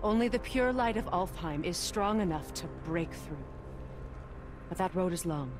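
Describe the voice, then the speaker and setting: An actress playing a guarded, weary woman sorceress in a video game cutscene, speaking calmly and with measured solemnity. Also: on the low side, natural voice. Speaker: game character. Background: game music.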